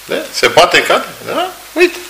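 A male preacher in a church hall delivers an animated sermon full of stories, acting out different voices. His voice sits high, with slight background noise and a roomy echo.

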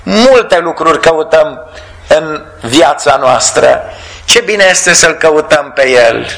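A man preaches with fervor, his voice pitched high. The tone is bright and forceful. He lifts his lines into exclamations and slows right down on the words he wants to land. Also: expressive, vocal fry, rough recording. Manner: fervent, exclamatory, stretches key words slowly. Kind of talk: sermon.

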